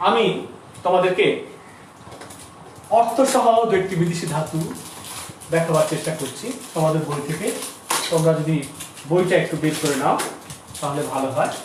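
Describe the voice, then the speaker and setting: A middle-aged man teaching a grammar lesson to school students, explaining slowly, repeating terms and asking the class questions. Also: fairly high pitch. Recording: distant, echoey room with faint noise.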